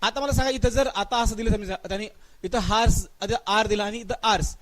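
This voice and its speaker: High-voiced Marathi-accented teacher quizzing a class. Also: male voice, steady tone. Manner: urges students to answer fast, drawls example sentences slowly. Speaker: English grammar teacher. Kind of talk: live online exam-prep class.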